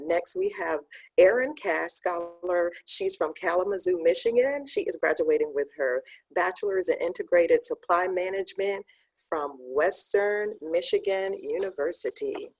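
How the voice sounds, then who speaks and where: Woman emceeing a virtual graduation, kinda husky and low, upbeat and chatty. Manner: upbeat, casual, filler-heavy. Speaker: ceremony host. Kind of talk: announcing graduates.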